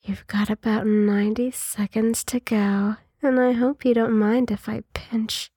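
A woman in an intimate adult ASMR role-play, speaking in a sultry, teasing, breathy way like a seductive narrator. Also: fairly high pitch, level tone, measured pace, dark tone, no room sound, studio quality. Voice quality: husky, breathy.

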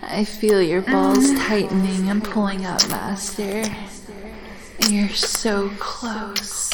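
A woman voicing a devoted, adoring tentacled female creature, speaking in slow, breathy whispers in an intimate audio roleplay. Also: medium pitch, a loud crowd. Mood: sultry whisper. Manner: slow breathy whispering, calls listener master. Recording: steady background hiss.

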